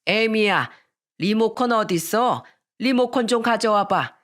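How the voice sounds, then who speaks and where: A woman's voice: a little high, expressive, a little slow. A woman voicing a domineering older mother-in-law in a storytelling narration, curt and scolding.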